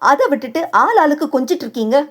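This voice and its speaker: A fiery young wife and lawyer, sharp-tongued and jealous, as a woman narrator puts her on in an audio novel. She scolds and teases in a raised voice that sits above the reader's own. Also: high voice, very animated, quick pace, pitched above the performer's own voice. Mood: angry.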